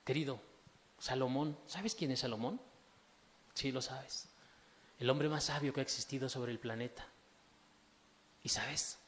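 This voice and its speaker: A male pastor preaching to his congregation, emphatic, full of rhetorical questions, swinging from hushed to loud. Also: medium pitch, measured pace, pauses often, a little hiss or hum. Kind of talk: sermon. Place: church hall. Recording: reverberant church hall.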